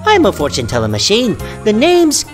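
A woman's voice: medium pitch, wildly swooping pitch, brisk, over music. A woman voicing a chatty, playful fortune-telling machine in a video game, with a teasing salesman patter. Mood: chirpy.

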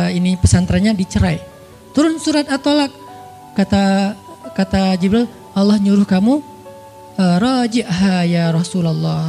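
A male preacher with a very high voice tells a story in a relaxed, chatty sermon. He talks conversationally and shifts his pitch to act out the quotes. Faint music plays behind him.

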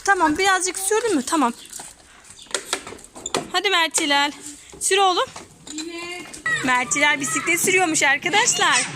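Very high-voiced playful mother filming outdoors. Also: moderate pace, long pauses. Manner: playful, mock-dramatic cries for help, coaxing children. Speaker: mother filming her son and his friends. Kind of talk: casual family vlog narration. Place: outdoors on a neighborhood street. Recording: noisy outdoor phone recording.

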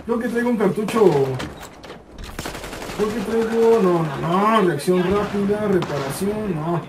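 Mexican man streaming a shooter game, high voice, heard from a distance over loud game noise, excitable and foul-mouthed. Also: measured pace. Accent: Mexican Spanish. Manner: excitable, swearing, repeats words in bursts. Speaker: gaming YouTuber. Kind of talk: casual gameplay commentary.

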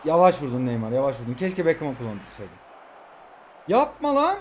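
A man in his twenties commenting his own mobile football match, shouting at his players in excited outbursts and dropping into low muttered asides between them. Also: brisk, a little hiss or hum. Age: 20s. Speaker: mobile football gamer streamer. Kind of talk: live gameplay commentary.

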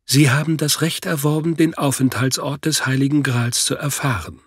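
A man voicing a solemn old priest who speaks low and deliberately, in an audiobook. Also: fairly even intonation, slightly rough, no echo, clean studio sound, lightly acted.

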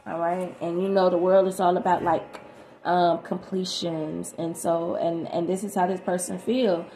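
A woman's voice: on the low side, moderate pace, soft background music. Chatty woman reading tarot, echoey room. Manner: animated, chatty, sings snatches of songs. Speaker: tarot reader. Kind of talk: casual tarot reading to viewers. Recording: echoey room, faint background noise.

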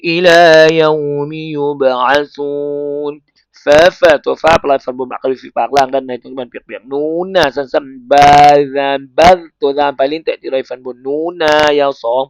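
A man with a Thai accent teaching Quran recitation, chanting letters slowly in a melody and explaining pronunciation in a lesson. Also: mid-range voice, level tone, gravelly, no room sound. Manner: slow melodic spelling chant, then brisk explanation. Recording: dull lo-fi sound.

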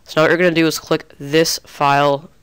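A young man who's a little ill, his voice slightly off, casually chats through a gaming tutorial on a screen recording and often restarts. His voice sits on the high side with little pitch movement, fairly quick, smooth and a bit bright.

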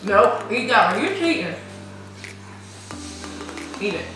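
A woman's voice: medium pitch, big pitch swings, slow. A young woman hosting a food challenge video, chatting casually in short, goading prompts as she eats. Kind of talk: casual chat. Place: dining room indoors. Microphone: camera across the table. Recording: roomy, echoing, distant mic, music behind.

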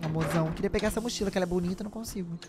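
A woman's voice: on the low side, racing. A woman with a Brazilian accent doing casual, dramatic gameplay commentary, chatting back at the game. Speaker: gaming video host.

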